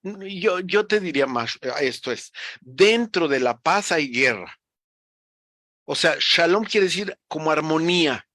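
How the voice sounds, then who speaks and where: A man's voice: on the high side, expressive, measured pace, sharp tone, dry recording, studio quality. A man from Mexico, explaining ideas in a reflective, teacherly way with frequent restarts. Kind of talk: conversational explanation.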